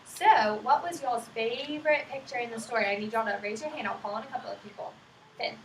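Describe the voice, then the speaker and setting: Speaking briskly in a fairly high voice, a young female student teacher reads aloud to young children in a classroom and encourages them with simple, affirming questions. The audio is echoey and distant, and background noise is clearly audible.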